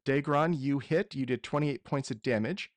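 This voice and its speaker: A man's voice: medium pitch, normal speed, no echo. A man running a tabletop roleplaying game as game master, explaining rules and narrating what happens.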